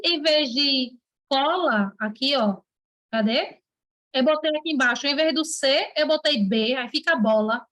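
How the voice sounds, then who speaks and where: A woman teacher with a Brazilian Portuguese accent explaining letters and syllables in an online lesson, patiently asking rhetorical questions and spelling sounds out slowly. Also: sits high, fairly bright tone.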